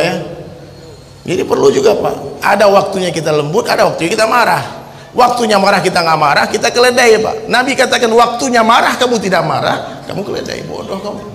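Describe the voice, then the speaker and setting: Male preacher, high voice, booming, long hall reverb; swings quiet to shouting. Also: creaky. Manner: forceful, swings from low asides to loud shouted exhortations. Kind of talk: fiery Islamic sermon. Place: large hall with crowd. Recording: echoey hall with crowd noise.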